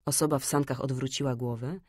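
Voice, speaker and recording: Low-voiced woman reading a fairy tale. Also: no room sound, clean studio sound. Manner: calm, measured storytelling. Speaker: audiobook narrator. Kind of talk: scripted fairy-tale narration.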